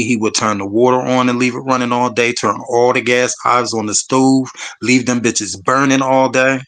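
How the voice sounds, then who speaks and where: A man's voice: mid-range voice, a bit bright. A man, telling a personal story on a discussion panel in an emphatic, profane, conversational way.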